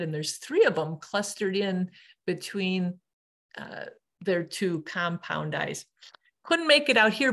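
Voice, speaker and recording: A woman's voice: on the low side, vocal fry. A woman hosting a nature show, talking casually over her slides with plenty of ums and restarts. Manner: relaxed, many ums and restarts.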